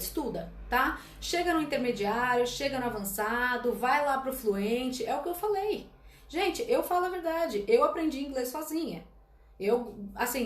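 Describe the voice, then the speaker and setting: A slightly high, reverberant voice belongs to a late-twenties Brazilian woman, an English teacher and ex-flight attendant, giving blunt career advice in a live-stream Q&A. Direct and emphatic, she constantly checks in with the audience using "tá?" and "gente".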